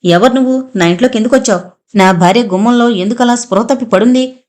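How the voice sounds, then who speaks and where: A woman's voice: a little high, quick pace, a little mellow, lightly acted. A woman narrator reads a frightened young husband in a horror audiobook. He demands answers urgently, anger covering his fear. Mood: angry.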